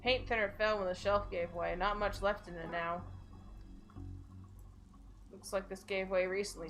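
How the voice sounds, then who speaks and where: A woman voicing a dry, sardonic detective in a point-and-click game, questioning people in a deadpan way. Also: mid-range voice, natural voice. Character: gruff, sardonic police detective questioning suspects.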